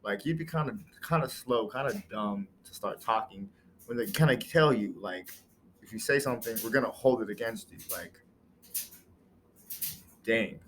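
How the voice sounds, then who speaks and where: Low-voiced man giving casual reaction commentary. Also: normal speed, pauses often, a bit bright, a little hiss or hum. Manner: loose and slangy, rambling asides with frequent "like". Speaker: webtoon reviewer reacting to a new episode.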